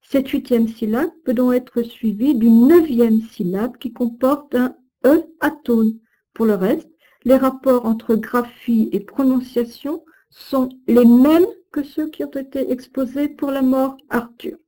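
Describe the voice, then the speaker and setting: Slow, careful French-accented woman teacher. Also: high voice, dark tone. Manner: slow, careful, deliberate diction. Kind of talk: reading a recorded lesson.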